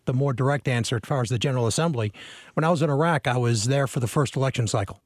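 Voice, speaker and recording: A man in his forties from Massachusetts, a state representative answering questions on a radio panel in a plainspoken, measured way. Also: medium pitch, darkish tone, no room sound, clean studio sound.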